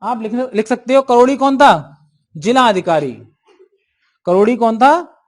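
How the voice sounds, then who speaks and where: A man's voice: very high-pitched, lively intonation, unhurried. A male teacher lecturing an exam-prep class, asking questions and answering them himself.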